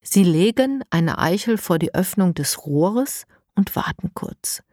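A woman narrating a children's audiobook in a calm, measured way. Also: on the low side, no echo, studio quality.

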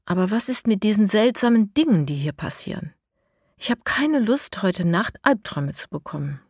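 A woman voicing an excited young boy who talks breathlessly, in a storybook reading. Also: mid-range voice, breathy edge, dry recording, studio quality. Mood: uneasy. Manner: fast breathless excited talk.

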